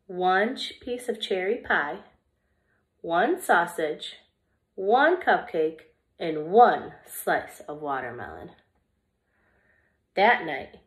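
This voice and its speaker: Reading a picture book for young kids, a young adult woman who teaches small children uses a deliberate, expressive delivery in a voice on the low side.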